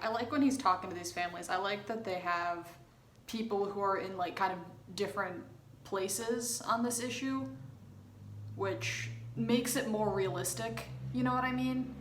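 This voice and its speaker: A woman's voice: medium pitch, moderate pace, fairly bright tone. Chatty young woman in a roomy room. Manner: chatty, opinionated, bursts into laughter. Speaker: video host reacting to a TV episode. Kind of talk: casual reaction commentary. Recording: roomy room with faint noise.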